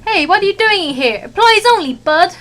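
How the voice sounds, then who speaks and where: A woman's voice: extremely high pitch, lively intonation, moderate pace, a bit bright, soft background music, voice pushed up. A woman voicing a bossy, short-tempered video game chef who talks in a brusque, commanding way. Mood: gruff, suspicious. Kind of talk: character voice in a game read-aloud.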